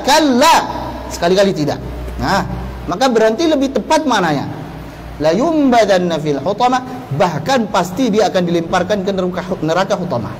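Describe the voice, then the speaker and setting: Through a rough recording with slight background noise, a high-voiced Indonesian man teaches a Quran recitation course, explaining step by step and answering his own rhetorical questions. He uses Arabic terms and quotations throughout the lecture.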